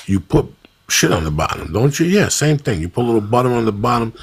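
A middle-aged man hosting a podcast, telling profane, animated stories in casual chat. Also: medium pitch, fast talker, a little hiss or hum. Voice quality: gravelly. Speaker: podcast host.

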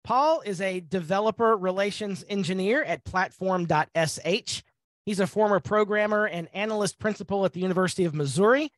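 An upbeat man with a fairly high voice hosts a live training webinar, chatting with fillers. The sound is close and dry, like a video call mic. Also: fairly quick, dry recording. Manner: upbeat, conversational, many fillers. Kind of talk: friendly webinar hosting.

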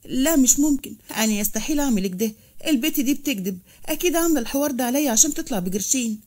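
A woman's voice: high voice, animated, very fast, a little mellow. A woman voicing a proud, angry male boss in an Egyptian accent, indignant and resentful.

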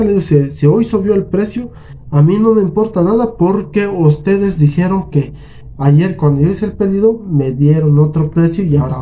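A man's voice: a little high, mellow. A man with a Mexican accent casually tells a story on his vlog, acting out both sides of an argument in colloquial, salty speech. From Huasteca region of Mexico. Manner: colloquial, swears freely. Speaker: channel host.

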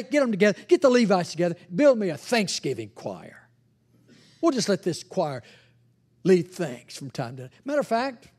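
An older man preaching a sermon on a church stage with a handheld mic, animated and acting out the voices he quotes. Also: high voice. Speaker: guest preacher.

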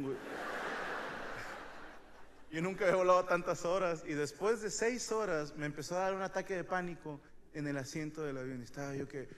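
A Mexican man in his thirties doing a stand-up comedy monologue, telling crude, slangy stories and shouting some bits. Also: fairly high pitch. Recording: live show with loud audience noise.

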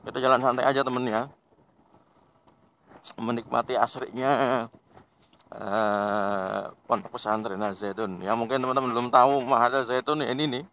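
This is casual riding commentary from a man in Indonesia who vlogs from his motorbike on rural roads. He sounds relaxed and talkative, laughs a lot, and addresses viewers as friends, speaking at medium pitch and a moderate pace with frequent pauses. There's a slight hiss or hum.

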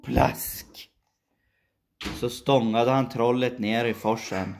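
Low-voiced woman telling a fairy tale. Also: expressive, a little mellow, a little hiss or hum. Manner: slow, deliberate, with sound effects. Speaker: storyteller. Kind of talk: reading a fairy tale aloud.

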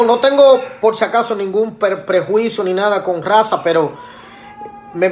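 A man vlogging a casual personal story, chatty with many fillers and restarts, acting out both sides of conversations. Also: high voice. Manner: acts out both sides of dialogues.

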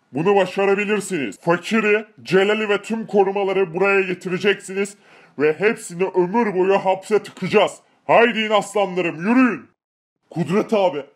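A man voicing characters in a game-video drama, talking in a hurried, worried way. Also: sits high. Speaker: video creator voicing all parts.

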